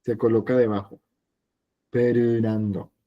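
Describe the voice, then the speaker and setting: A man teaching an evening language class, patient and explanatory, slowly repeating sounds for his students. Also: on the low side, flat delivery, muffled recording. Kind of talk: online class lesson.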